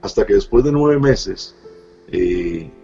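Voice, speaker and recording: A middle-aged pastor gives his testimony in a low, mellow voice, earnest and reflective and often pausing on a hesitant filler. The recording sounds dull and lo-fi, with faint music underneath. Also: lively intonation, creaky. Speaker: pastor, interview guest. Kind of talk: personal testimony in an interview. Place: Costa Rica.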